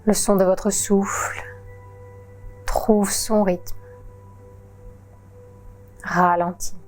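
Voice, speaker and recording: A woman yoga teacher guiding a relaxation session in a calm, soothing voice-over with long pauses. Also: medium pitch, soft background music. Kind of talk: guided relaxation narration.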